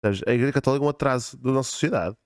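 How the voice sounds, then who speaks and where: A man's voice: medium pitch, racing, clear, resonant tone, dry recording, clean studio sound. A man with a European Portuguese accent in a casual debate, speaking emphatically and repeating his phrases for weight. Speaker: podcast host.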